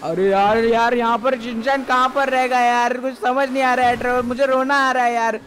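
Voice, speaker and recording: An anxious young man, played by a man rambling with worry in a game role-play. His voice sits fairly high for a man, over a faint hiss of noise. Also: little pitch movement, normal speed, a bit bright. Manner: worried, rambling.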